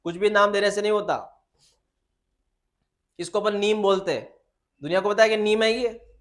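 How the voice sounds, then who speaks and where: A biology teacher talks a class through a lesson in a high, lively voice. He keeps it informal, calls the students beta and fires questions he then answers himself. English textbook lines come out slow and deliberate. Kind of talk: classroom lecture.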